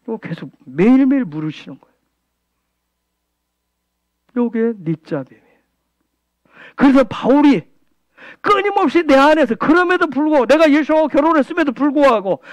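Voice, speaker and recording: A male pastor with a very high voice preaches a sermon in a recording with no room sound. He fires rhetorical questions at the congregation, repeats key phrases for emphasis, and keeps prompting them with "응?"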